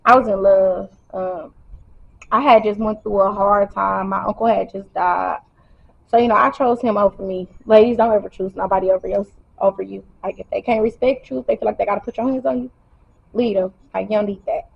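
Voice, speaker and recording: In dull lo-fi sound, a woman recounts her own story to camera, emotional and struggling not to cry, yet casual and direct in her wording. Her mid-range voice is gravelly and slightly rough, with a steady tone and a slightly fast pace.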